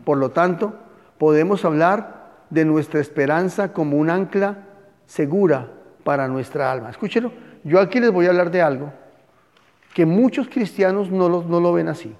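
A man's voice: fairly high pitch, moderate pace, a little mellow. A male pastor with a Colombian accent, teaching a conversational sermon and questioning his congregation in a church hall. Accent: Colombian Spanish. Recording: muffled, long hall reverb.

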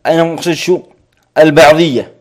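A man teaching a grammar lesson, repeating each point slowly and checking that students follow. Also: fairly high pitch.

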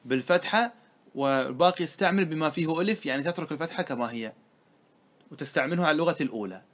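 A man teaching a grammar lesson. He explains a classical poem line by line, asks his listeners questions and answers them himself, and slows down to quote the verses. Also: fairly high pitch, animated, a bit bright.

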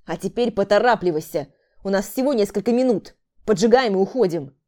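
A woman's voice: medium pitch, lively intonation, normal speed, mellow, natural voice. A woman voicing a brutal male killer in an audiobook, harsh and barking insults at his sister. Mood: angry. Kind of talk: audiobook character voice.

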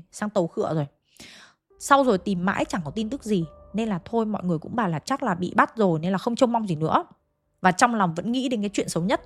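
A woman's voice: medium pitch, no echo. Woman, ghost story narrator, chatty, dry close sound, faint music behind. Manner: chatty, addresses listeners directly.

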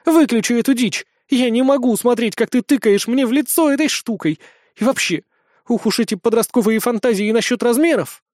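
Man doing a high, loud, scandalized old witch, a storybook figure forever indignant. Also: a little fast, dry recording, clean studio sound. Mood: flustered. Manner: shrill, indignant, pleading. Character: flustered old witch woman in young body.

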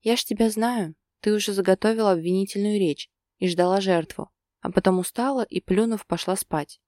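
A woman voicing a calm, teasing man who soothes his partner in a gentle, soothing way. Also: medium pitch, brisk, no echo, studio quality, natural voice.

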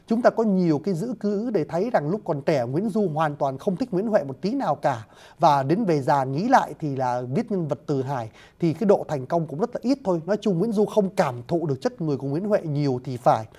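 A man's voice: on the high side, animated, fairly quick, dark tone. A man giving a spoken lecture on classical poetry, explaining it word by word and often addressing his listeners politely, with hesitant fillers.

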